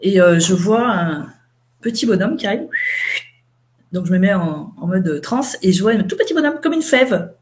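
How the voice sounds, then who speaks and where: A woman's voice: mid-range voice, expressive, moderate pace, a little mellow. A middle-aged woman, an interview guest, chatting casually as she recounts events and quotes what people said.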